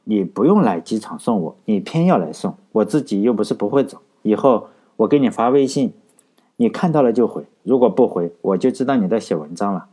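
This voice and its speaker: Storybook role: a shy young woman fan, tender and husky, read by a man. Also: fairly low pitch, expressive, brisk, mellow. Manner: tender, admiring.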